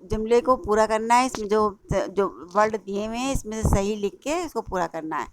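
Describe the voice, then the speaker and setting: A woman's voice: mid-range voice, moderate pace. A woman with an Indian Urdu accent teaching a class-eight lesson, spelling words out letter by letter and repeating answers as she quizzes. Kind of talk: classroom lesson explaining a workbook.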